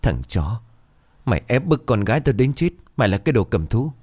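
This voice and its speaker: A man's voice: very animated, normal speed, no echo. A man doing a grieving village mother. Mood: anguished. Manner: shrill, pleading, wailing. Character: grieving, furious middle-aged village mother.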